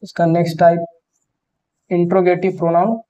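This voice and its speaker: Guy teaching grammar, kinda high voice, slow on the examples, muffled sound. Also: little pitch movement, warm tone. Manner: explains step by step, slows to spell out example sentences. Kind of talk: grammar lesson for exam students.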